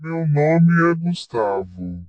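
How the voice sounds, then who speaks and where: A man's voice: on the high side, big pitch swings, takes it slowly, dry recording, distant mic, dull audio. A man in his thirties telling a scary first-person account, his voice altered by a voice changer. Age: 30s. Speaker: interviewed witness.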